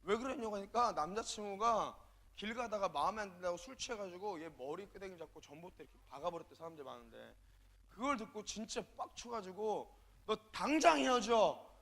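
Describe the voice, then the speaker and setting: Guy youth pastor preaching, kinda high voice, acts out all the dialogue, goes quiet then loud. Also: a little fast. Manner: animated, acts out quoted dialogue, swings between loud and soft. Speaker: youth minister. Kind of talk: storytelling sermon.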